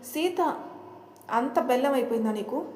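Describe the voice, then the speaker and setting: A woman voicing a jealous young woman rival who shouts and accuses, in a roomy, echoey recording with faint noise. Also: high-pitched, lively intonation, normal speed. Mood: shrill accusing.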